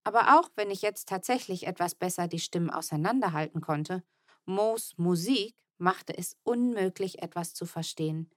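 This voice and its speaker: A woman reading a children's audiobook aloud in the first person, with lively, expressive storytelling. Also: fairly low pitch, moderate pace, no room sound, clean studio sound. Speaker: audiobook narrator.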